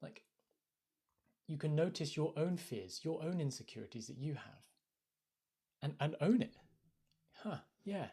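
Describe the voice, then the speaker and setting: A man's voice: on the high side, lively intonation, measured pace, gravelly, pauses often, mellow, slightly rough. A British man from the UK, a life coach talking casually on a phone live stream, thoughtful and hesitant, often restarting his phrases. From United Kingdom.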